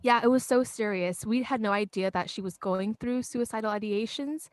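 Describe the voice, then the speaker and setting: A young woman with a fairly high voice tells a story in an animated podcast chat. She acts out the lines of the people in her story. The sound is close and dry, with no room echo. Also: normal speed. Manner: animated, acts out friends' quotes, laughs often. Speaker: podcast co-host.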